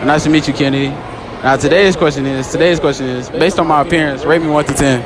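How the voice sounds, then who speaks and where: A man's voice: a little high, steady tone, fast talker. A young man running a casual public interview in a shopping mall, talking into a phone he holds out, upbeat and joking, repeating his lines. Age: young adult. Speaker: street interviewer. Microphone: phone held out. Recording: phone audio with music and crowd.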